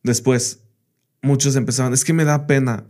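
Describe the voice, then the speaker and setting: A native English-speaking teacher chats on a podcast, telling anecdotes in a casual interview setting and repeatedly saying "bla, bla" and "¿me entiendes?" His mid-range voice is steady and darkish, moving at a moderate pace.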